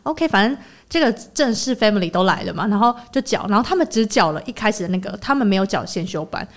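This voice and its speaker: A woman's voice: mid-range voice, quick pace. A young woman, co-hosting a casual chat and telling stories animatedly, acting out the people she quotes. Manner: animated storyteller who acts out quoted people. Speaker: podcast co-host.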